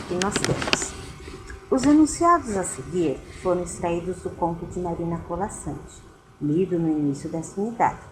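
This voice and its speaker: A woman's voice: lowish voice, rough recording. A woman teacher giving a recorded lesson, explaining patiently and speaking directly to her students.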